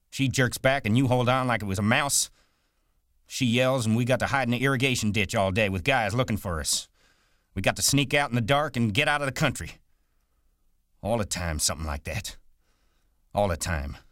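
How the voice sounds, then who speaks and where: A man's voice: medium pitch, a bit bright, no echo, studio quality, voice pushed up, lightly acted. George, a man voicing a hot-tempered worker. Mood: furious. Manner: scolding, exasperated, quick bursts.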